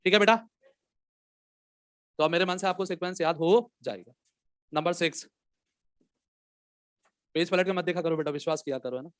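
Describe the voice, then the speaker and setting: High-voiced man teaching chemistry. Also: smooth, dry recording, studio quality. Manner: lively, calls out questions to students and dictates slowly. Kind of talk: classroom lecture.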